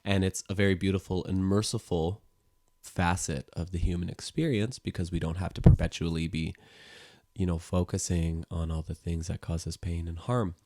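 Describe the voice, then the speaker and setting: A man, a music teacher and sound therapist, gently explains a guided sound-healing exercise in calm, unhurried talk with frequent fillers. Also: low voice, dry recording, studio quality.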